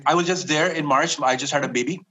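A Pakistani man talks casually as a guest, switching between English and Urdu. His voice is bright and a bit high, and he speaks quickly. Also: husky. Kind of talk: casual chat.

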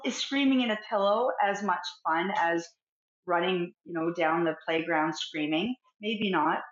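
A middle-aged woman, a counsellor, talking as a guest in an interview, speaking in a reflective, expressive way and acting out little everyday scenes. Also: fairly low pitch. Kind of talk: conversational interview. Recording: roomy, dull lo-fi sound.

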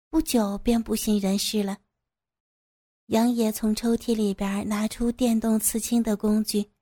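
A woman reading a scripted story in a soft, even narrating voice. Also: on the high side.

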